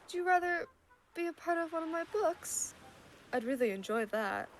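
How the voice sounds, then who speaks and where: A cold female adventurer makes slow, taunting threats in a high, light voice, as a woman puts her on. Her delivery stays measured and menacing, with faint hiss behind it. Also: animated.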